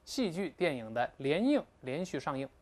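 A woman lectures on an English text. Her voice sits a little low but moves up and down freely. She slows right down to spell out English phrases. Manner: lively, explanatory, quotes English phrases slowly. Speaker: English teacher. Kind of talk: recorded lecture explaining a textbook.

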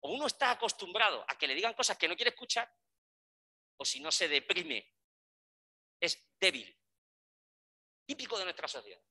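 Male psychiatrist lecturing with humor, conversational, bright, ringing tone. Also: high voice, big pitch swings, moderate pace, long pauses. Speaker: psychiatrist giving a talk. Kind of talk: humorous public talk.

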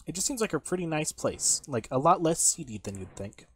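A man's voice: on the high side, big pitch swings, fairly quick, fairly bright tone, husky. A man running a tabletop game as game master, narrating casually with lots of fillers, restarts and swearing. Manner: rambling, many fillers and restarts, swears freely.

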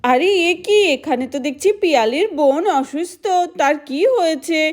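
A woman's voice: high-pitched, moderate pace, a little mellow. A woman narrating a doll story, addressing the viewers in a friendly way. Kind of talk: storytelling to children.

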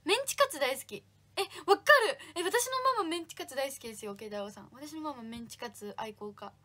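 A woman's voice: high-pitched, lively intonation, fairly quick, bright, forceful tone. A young woman hosting a casual livestream, reading fan comments aloud and thanking viewers by name in a bubbly way. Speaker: idol livestream host.

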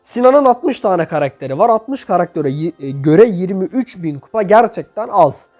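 Young man, high-pitched voice, echoey room, informal gaming commentary, chatty host, music in the background. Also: expressive, moderate pace, dark tone. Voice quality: echoey, reverberant room sound. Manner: informal, chatty, addresses viewers as friends. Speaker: YouTube game channel host. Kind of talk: casual gaming commentary, reviewing player profiles. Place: bedroom with items cleared out, indoors. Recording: echoey emptied room, faint music behind.

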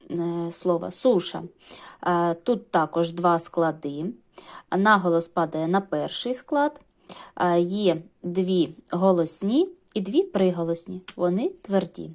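A middle-aged woman teaching young children in a remote lesson, her voice sitting a little low. She talks through each step patiently and plainly, with frequent small hesitations as she goes. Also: a little mellow. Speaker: primary school teacher.

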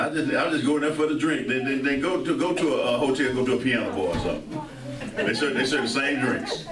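A man with a St. preaching a sermon, joking with the congregation and calling out amens. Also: medium pitch. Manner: joking, call-and-response with many amens. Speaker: pastor. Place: church sanctuary. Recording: echoey church hall, mic far off, congregation audible.

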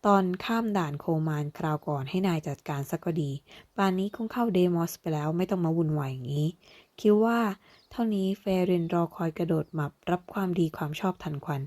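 A woman narrating a fantasy novel aloud, slowing down as she voices the characters. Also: lowish voice, expressive, a little mellow. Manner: voices characters with slow, deliberate delivery. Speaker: audiobook narrator. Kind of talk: dramatic novel reading.

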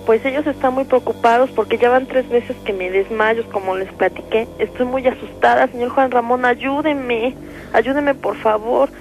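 A frightened young woman with a Mexican accent pleads down the phone to a radio host. Her voice sits a little high and comes through a muffled line. Eerie music plays clearly behind her. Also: steady tone, normal speed. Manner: pleading, frightened, breaking into cries. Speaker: radio caller. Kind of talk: frightened call to a radio show.

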